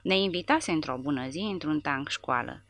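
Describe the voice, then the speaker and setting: A woman narrating an audiobook of a war novel in a steady storytelling manner. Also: low-pitched, no echo.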